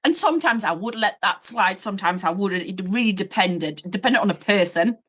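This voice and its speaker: A woman, a former prison officer, tells workplace stories in a blunt, animated way and swears freely. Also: mid-range voice, fairly quick, breathy edge. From United Kingdom. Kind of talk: casual storytelling chat.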